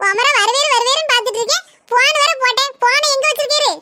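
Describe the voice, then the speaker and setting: Cartoon village wife, sharp-tongued, southern dialect, piercingly high and quick as a woman voices her. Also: very noisy. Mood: retorting. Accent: southern Tamil Nadu village dialect. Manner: sarcastic, nagging. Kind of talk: cartoon voice acting.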